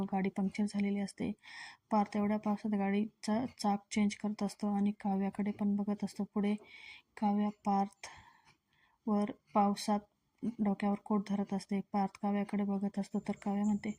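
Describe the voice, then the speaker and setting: A woman's voice: medium pitch, completely flat delivery, normal speed, mellow, dry recording. A woman narrating a recap of a television serial in a matter-of-fact storytelling manner, close to the mic.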